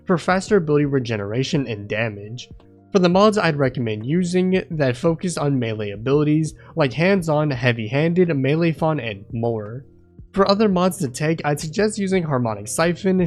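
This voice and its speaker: A man reading a scripted voice-over walkthrough in a steady, explanatory way. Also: a little high. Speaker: video game guide creator.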